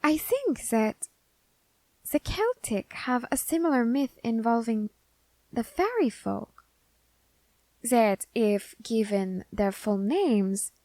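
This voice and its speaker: In this ASMR roleplay spoken to the listener, a woman plays a young Grim Reaper scholar who is eager and curious, deliberate in manner and threatening in a polite way. She speaks in a full character voice, higher-pitched with big swings and a slightly mellow quality, recorded without echo.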